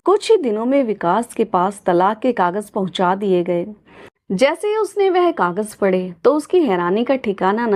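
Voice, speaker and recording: A woman narrating a moral family story in a scripted reading, voicing every character in one steady voice. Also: medium pitch.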